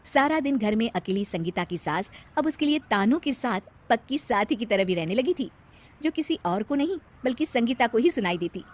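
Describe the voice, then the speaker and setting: A woman with an Indian accent narrating a cartoon tale as expressive scripted storytelling. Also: fairly high pitch, normal speed.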